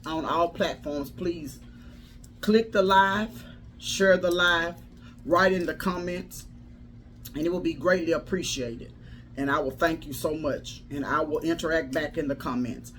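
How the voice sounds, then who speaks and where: A woman's voice: low-pitched, unhurried, fairly bright tone. A woman speaks as a life coach hosting a casual livestream, with faint noise in the background. Her delivery is folksy and motivational, leaning toward preaching. She repeats phrases to drive her points home.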